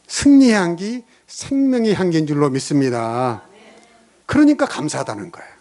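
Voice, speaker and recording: A middle-aged pastor preaches a sermon with a lively, swinging delivery, his voice sitting a little high for a man. He tells stories and keeps asking his congregation questions. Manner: animated, storytelling, rhetorical questions to the congregation.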